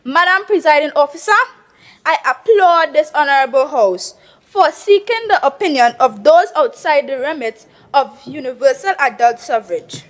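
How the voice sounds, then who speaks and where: A Tobagonian woman with a high, clear voice delivers a formal speech in an assembly chamber. She is measured and oratorical, and drops into local dialect to land a point. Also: expressive. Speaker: youth assembly member.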